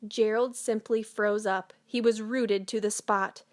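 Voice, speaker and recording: A woman storyteller narrating a children's picture book in a measured, expressive read-aloud manner. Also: mid-range voice.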